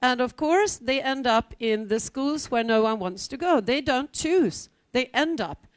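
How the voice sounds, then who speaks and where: A middle-aged woman from Sweden talks on a conference panel, chatty and wry, with plenty of ums along the way. Her voice is smooth and clear and sits a little high. The sound is close and dry. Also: animated, unhurried, dry recording. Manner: chatty, wry asides, frequent fillers. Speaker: teacher at a vocational school, panel speaker. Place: conference hall, standing before an audience.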